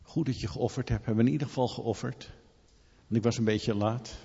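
A man's voice: medium pitch, fairly even intonation, fairly quick, creaky, dark tone, slightly rough. A man voicing an old male prophet who rebukes a king, with stern, questioning speech. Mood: mock-agreeable. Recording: long hall reverb, dull lo-fi sound.

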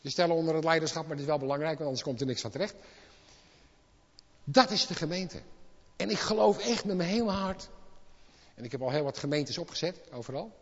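A man preaching a sermon in speech, impassioned and swinging from quiet asides to loud exclamations. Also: on the high side, a little fast, long pauses. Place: church hall. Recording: lo-fi with long hall reverb.

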